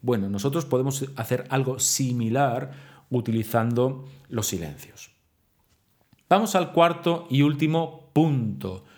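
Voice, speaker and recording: A man from teaches public speaking in a video lesson. He talks straight to the listener, asks himself questions and answers them. He stretches his pauses and swings his intonation wide on purpose to show how it is done. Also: mid-range voice, darkish tone. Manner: deliberately exaggerated intonation and pauses for demonstration; addresses the listener directly with rhetorical questions.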